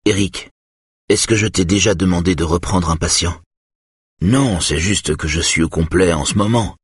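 A man with a husky voice reading an audiobook and voicing a nervous, pushy male doctor colleague. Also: sits low, normal speed, no echo, clean studio sound. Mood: anxious. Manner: nervous, pleading. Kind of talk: audiobook character voice.

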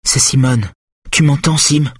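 Brief: man doing a raised, husky voice for a desperate mother pleading with questions in an audiobook; dry read. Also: medium pitch, measured pace, no echo, pitched above the performer's own voice. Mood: urgent pleading. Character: anxious middle-aged mother pleading at a bedside.

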